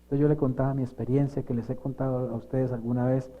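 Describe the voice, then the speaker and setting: A middle-aged man, a pastor preaching a sermon and putting lively questions to the congregation. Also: medium pitch, quick pace, muffled recording, a little hiss or hum. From Colombia.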